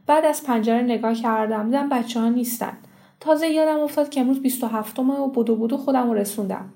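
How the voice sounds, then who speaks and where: A woman reading the part of a chatty, quick-tongued village housewife in an audiobook story. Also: a little high, warm tone, lightly acted. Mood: flustered. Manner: chatty, teasing. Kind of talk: audiobook character voice.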